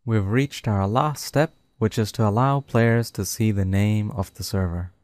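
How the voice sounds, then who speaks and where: A man narrating a screen-recorded coding tutorial, dictating code slowly and step by step. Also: fairly low pitch, a little mellow, dry recording. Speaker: tutorial host.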